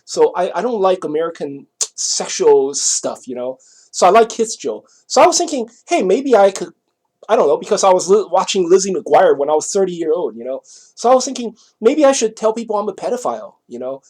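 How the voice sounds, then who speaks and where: A very animated middle-aged man from Taiwan, with a high, slightly mellow voice and a Taiwanese accent, relates a personal story. His casual telling rambles, stalls and repeats, with frequent checks that the listener understands.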